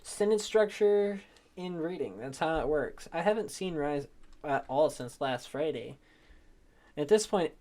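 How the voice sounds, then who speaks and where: A woman reading a visual novel aloud as the narrator, with expressive, playful asides between the lines. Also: low-pitched. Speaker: let's play host. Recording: music playing behind.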